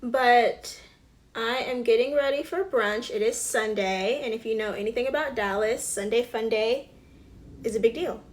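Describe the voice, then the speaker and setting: A beauty vlogger in her 20s from Alabama chats casually while doing her makeup in a get-ready-with-me video. Her voice is on the high side at a moderate pace, full of fillers with the occasional whispered aside.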